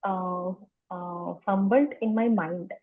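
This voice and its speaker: A woman from India, the guest in a conversational interview, stammers through her answers, repeating sounds and words. She talks slowly with a low-leaning voice and fairly even intonation, captured in narrow, tinny audio.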